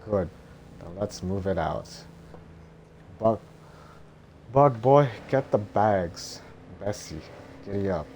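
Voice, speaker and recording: A man voicing a boastful, bossy little dragon guardian from an animated film script, with blustering, stumbling delivery. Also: fairly low pitch, slow pace, pauses often. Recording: noticeable background noise.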